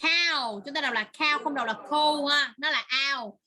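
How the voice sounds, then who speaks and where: A woman's voice: high-pitched, moderate pace, sharp tone. A woman teaching English to a child online, patiently repeating words and praising answers.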